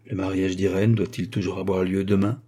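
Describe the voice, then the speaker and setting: A man's voice: low voice, level tone, fairly quick, mellow. A man voicing a scheming baron who poses as an old priest, with a quavering voice and feigned grief. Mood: sinister.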